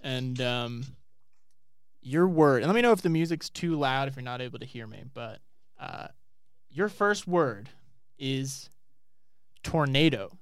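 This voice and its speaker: Laughing, teasing American quiz host from Colorado, smooth, dry close sound. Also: male voice, medium pitch, animated, normal speed, no room sound. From Colorado, United States. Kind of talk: casual podcast chat. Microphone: studio microphone.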